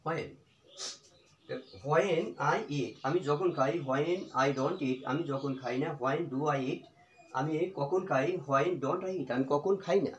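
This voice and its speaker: A middle-aged man teaching English, drilling example phrases slowly and repeating each with its translation. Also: on the high side, lo-fi sound, a little hiss or hum. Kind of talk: spoken English lesson in Bengali. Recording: echoey room.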